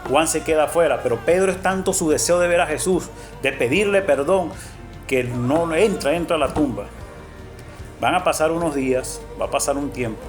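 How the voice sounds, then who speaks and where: A man preaching an earnest storytelling sermon, emphatic and fond of repeating his phrases. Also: mid-range voice. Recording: faint background music.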